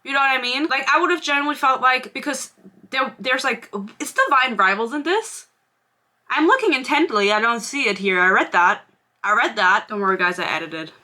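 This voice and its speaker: A German-speaking book vlogger in her twenties chats casually, rambling, sarcastic, and laughing often. Her voice is high, expressive, and sharp-toned, and she talks fairly quickly.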